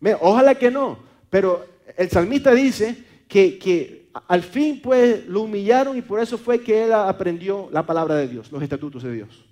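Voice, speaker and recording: A man's voice: high voice, lively intonation, moderate pace, a little mellow. A man from Maracaibo with a Venezuelan accent, preaching a sermon, often repeating words and stumbling on fillers as he calls listeners brother.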